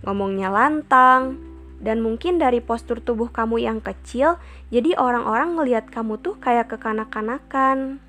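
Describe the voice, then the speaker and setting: A gentle, cautious teenage girl who softly comforts a friend, as the storyteller quotes her. Her voice is a little high, with faint music behind. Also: moderate pace, close to an everyday voice. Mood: comforting.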